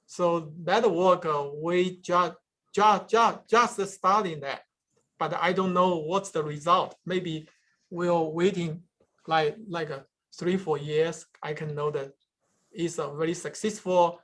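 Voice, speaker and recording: A man answering questions after his research seminar, speaking haltingly with many restarts and fillers. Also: a little high, fairly even intonation, a bit bright. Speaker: guest speaker, peanut breeding researcher.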